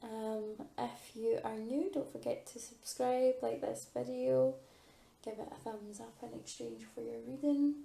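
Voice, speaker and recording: A woman who is a psychic medium giving a pick-a-card tarot reading, hesitant with many ums, losing her voice and clearing her throat. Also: a little high, fairly even intonation, measured pace, mellow, echoey room.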